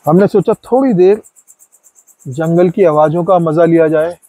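Holding his phone camera close, a vlogger in his forties chats casually with viewers and friends as he camps by a forest river. His voice is on the high side and mellow, at normal speed. The recording is rough but has no echo.

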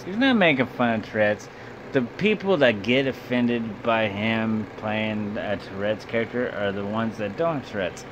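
A drunk young man, an amateur film reviewer, gives a loose, blunt, sweary casual video review indoors in a small bedroom. His voice is mid-range, and the audio sounds dull, with clear background hum and noise.

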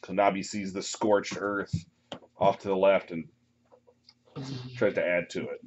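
A man running a tabletop game as game master, calling turns and results in a relaxed way. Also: sits low, a little hiss or hum. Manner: relaxed, brisk turn calling with laughs. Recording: muffled lo-fi table recording.

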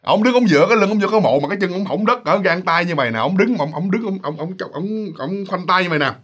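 A man with a Southern Vietnamese accent telling a ghost story in a casual, animated way, often addressing listeners directly. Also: high-pitched, fast, slightly rough.

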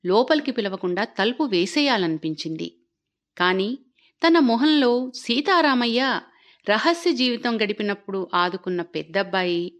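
A woman reading an autobiography aloud in an earnest, measured storytelling manner, lifting and dropping her voice for the people she quotes. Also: medium pitch. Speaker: audiobook reader.

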